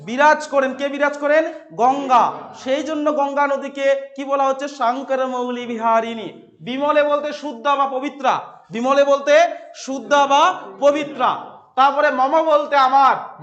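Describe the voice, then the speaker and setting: A man teaching Sanskrit verses to a class. He quizzes the students, repeats key phrases and chants the verses slowly. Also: very high-pitched, fairly bright tone, muffled recording. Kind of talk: classroom lecture explaining verses.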